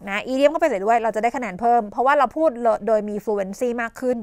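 A woman teacher explaining English idioms in a televised tutoring lesson, coughing now and then and dotting her talk with polite fillers and quick questions to the class. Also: on the high side, no echo, clean studio sound. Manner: coughs and clears her throat often.

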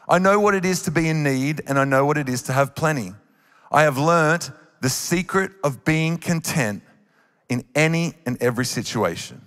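On a large church stage, a thirties-aged man with an Australian accent preaches into a handheld mic, his tone earnest and encouraging. He is a worship leader, and his voice runs on the high side with a fairly bright quality. Live hall reverb colors the recording.

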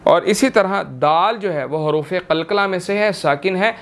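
A man teaching Quran tajweed in a recorded lesson, reciting verses slowly and drawn out, then explaining each letter and saying "theek hai" often. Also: sits high.

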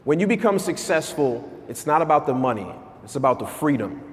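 Man, thirties, motivational keynote, fairly high voice, lively stage delivery, big hall reverb. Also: a little fast. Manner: energetic, pacing the stage, asking the crowd questions. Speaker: keynote speaker. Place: large conference hall, on stage.

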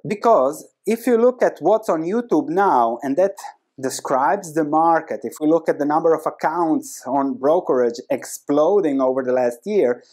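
With a fairly high-pitched voice and a Croatian accent, a man in his thirties, native to Croatia, runs an investing video channel and here summarizes a book for the camera. His explanation is animated and conversational, leaning on emphatic repetition. A lapel mic captures him in a small room lined with bookshelves.

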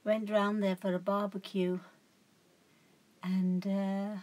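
A craft vlogger with a mid-range, darkish voice speaks slowly and with little pitch movement while showing her crafts at home. Her casual show-and-tell is chatty and meandering, with frequent self-corrections.

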